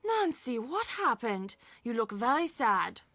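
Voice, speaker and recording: An actress voicing a warm, chatty middle-aged castle employee and aunt in a video game, expressive and confiding. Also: female voice, fairly high pitch, unhurried, music in the background. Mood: warm, encouraging.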